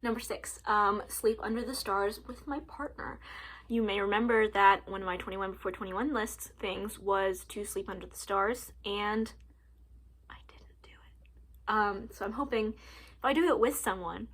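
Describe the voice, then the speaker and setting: Talking to camera from home, a woman in her early twenties vlogs in a chatty way, full of "like"s, "um"s and frequent laughter. Her mid-range voice is steady, fairly bright and a little slow.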